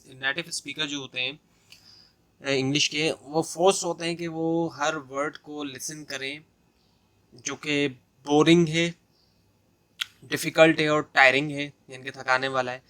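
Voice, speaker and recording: A man's voice: medium pitch, bright, forceful tone. A man with a Pakistani accent giving an exam-prep lecture, explaining step by step and restating his points with many "so" and "uh" fillers. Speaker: tutor.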